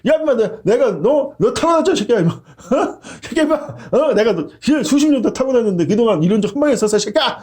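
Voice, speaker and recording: A talking donkey, put on by a male preacher, berates its master with coarse, shouted insults. The voice sits high and swoops widely. It sounds fed up rather than comic. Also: very animated, fast talker, hardly any pauses. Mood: indignant. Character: indignant talking male donkey, foul-mouthed.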